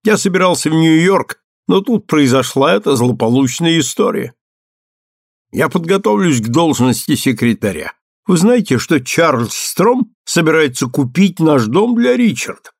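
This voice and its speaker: A man voicing a talkative young gentleman who has lost his fortune and rambles on. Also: on the high side, very animated, normal speed, no room sound, studio quality, pitched above the performer's own voice. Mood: chatty. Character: young man, ruined gentleman, chatty and gloomy.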